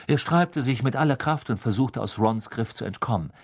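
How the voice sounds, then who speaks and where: A man reads a fantasy novel aloud with dramatic, expressive delivery. His voice rises and falls widely through the sentences. This is a steady, scripted audiobook narration. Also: mid-range voice, fairly quick, slightly rough.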